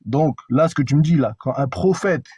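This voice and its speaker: A male caller in a live debate with a husky, mellow voice that sounds dry and close. He lectures insistently, circling back to the same points again and again. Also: fairly high pitch, moderate pace, dry recording. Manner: insistent, lecturing, repeats himself.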